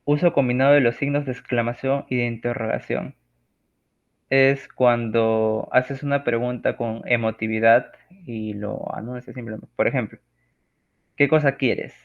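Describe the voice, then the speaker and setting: Gravelly man presenting class slides. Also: mid-range voice. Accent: Peruvian Spanish. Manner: casual, joking, acts out sound examples. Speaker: student presenter. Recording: phone-like lo-fi audio.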